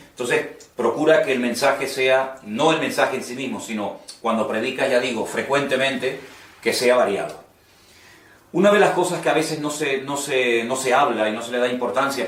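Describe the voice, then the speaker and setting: Spanish pastor teaching from a distance. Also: male voice, mid-range voice, fairly bright tone. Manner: repetitive, conversational, earnest teaching. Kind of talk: homiletics class lecture. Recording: echoey room, voice from a distance.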